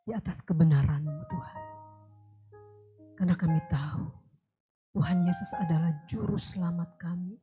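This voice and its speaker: Woman praying slowly over piano. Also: fairly low pitch, warm tone. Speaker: prayer leader. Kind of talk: spoken prayer. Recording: dull muffled recording. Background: piano music.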